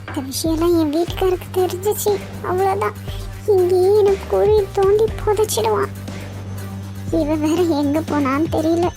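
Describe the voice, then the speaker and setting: Cartoon aunt played by a woman, middle-aged and fretful, very high mellow voice, faint music behind. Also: moderate pace, gravelly. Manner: fretful, worried muttering.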